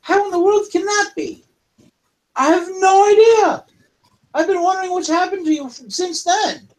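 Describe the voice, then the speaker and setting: A man playing an emotional young male kobold in a tabletop game. The voice rides high and shaky, close to crying and bursting with excitement. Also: moderate pace, rough recording. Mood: overjoyed.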